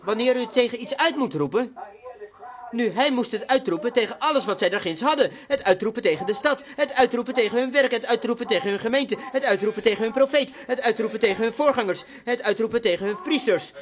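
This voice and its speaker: A man's voice: extremely high pitch, fairly quick, a bit bright. A man preaching a sermon to a congregation in a church, with a fervent, repetitive cadence.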